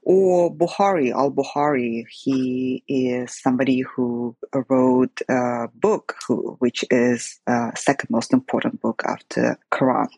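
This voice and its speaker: A woman from Central Asia, a guest giving a measured, explanatory personal reflection. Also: very deep voice, steady tone, a little mellow, husky, no echo. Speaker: network member guest.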